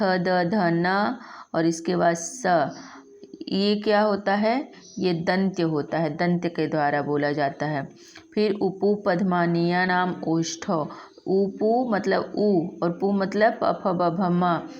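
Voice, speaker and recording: A woman teaching a Sanskrit lesson in speech, slowly spelling out sounds one by one and repeating them. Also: lowish voice, darkish tone, lo-fi sound, slight background noise. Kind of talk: classroom lesson.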